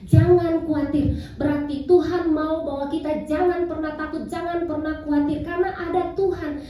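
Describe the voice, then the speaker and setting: A woman's voice: high-pitched, dark tone, slight background noise. A middle-aged woman pastor preaching a sermon, repeatedly addressing the congregation and calling for amens. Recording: very echoey hall, distant mic.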